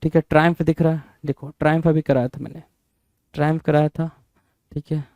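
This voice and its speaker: Dry-voiced teacher drilling vocabulary. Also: male voice, a little high, flat delivery, a little fast, darkish tone, dry recording. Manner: repetitive, spells words out letter by letter; frequent check-ins with listeners. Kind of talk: exam-prep vocabulary lesson.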